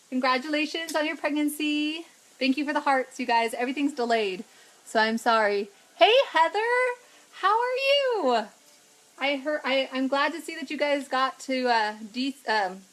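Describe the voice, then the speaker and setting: In a low-quality recording, a cooking vlog host with a fairly high voice streams live from her home kitchen. She's middle-aged and keeps up casual chat as she cooks, welcoming viewers by name.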